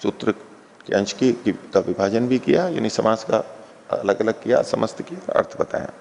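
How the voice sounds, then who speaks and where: A man's voice: fairly low pitch, lively intonation, moderate pace, gravelly, a little mellow, in a large hall. A man giving an explanatory lecture on a philosophy text as a scripture teacher, patiently repeating and unpacking each term.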